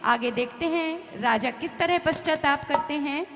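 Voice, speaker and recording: Brief: woman narrator, high voice, moralizing stage commentary, echoey hall. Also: a little slow. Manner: moralizing, explanatory. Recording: reverberant hall with background music.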